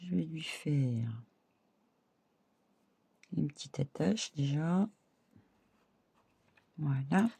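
A woman's voice: low voice, very slow, vocal fry, long pauses, dark tone, breathy edge, no room sound. A middle-aged woman hosting a casual craft tutorial, chatting with viewers as she works. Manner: chatty, laughs often, addresses viewers directly.

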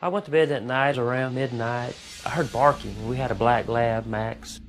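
A man recounting a night of personal tragedy as a talk show guest, speaking in a halting, quiet, haunted way. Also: medium pitch, steady tone, faint music behind. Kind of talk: personal testimony.

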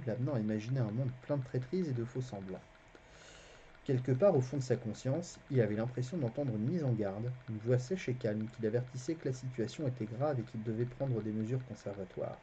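A streamer narrating a fantasy novel aloud on a live stream, in an animated, expressive telling. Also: mid-range voice, a little hiss or hum. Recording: dull, lo-fi stream audio.

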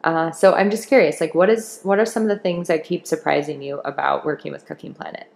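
Speaking a little fast with vocal fry, a woman chef chats with a friend she's interviewing at home. Her voice sits low with fairly even intonation, the talk is friendly and packed with fillers, and the roomy kitchen recording carries a slight hiss or hum.

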